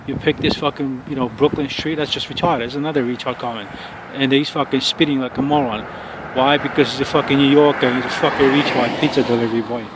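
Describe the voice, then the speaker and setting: A man reviewing his remote-control truck outdoors on a city street, ranting angrily with lots of swearing and stumbling restarts. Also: mid-range voice. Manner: angry, profane ranting with halting restarts. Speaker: RC car hobbyist reviewer. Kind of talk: casual outdoor review vlog. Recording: noisy outdoor street recording.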